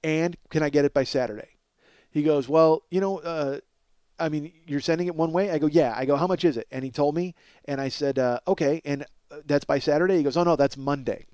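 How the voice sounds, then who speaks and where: This podcast host, a man in his forties, talks a little fast in a fairly high voice that sounds smooth and slightly mellow, with no room sound. His comedy story wanders and mocks himself, laced with swearing and dialogue where he plays both parties.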